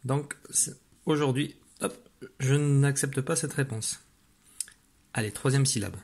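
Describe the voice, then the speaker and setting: A man leads a spelling dictation lesson in a slightly husky voice. He speaks slowly and patiently, stretching out each syllable. His tone stays steady and encouraging throughout. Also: medium pitch. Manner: slow, patient, sounding out syllables. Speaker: primary school teacher.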